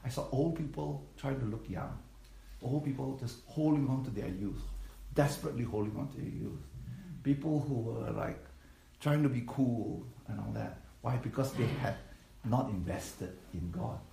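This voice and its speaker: A man's voice: medium pitch, moderate pace, gravelly, warm tone. A pastor in his late fifties from Malaysia, preaches in a chatty, personal way and keeps asking the listeners questions. His voice rings out in an echoey church hall. A faint hum sits underneath. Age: 50s. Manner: conversational preaching with audience questions. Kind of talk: sermon.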